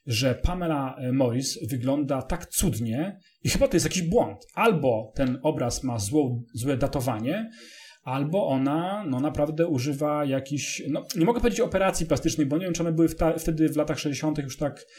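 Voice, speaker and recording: A man co-hosting a casual, analytical film discussion, halting as he searches for words and corrects himself. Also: on the high side, a little mellow.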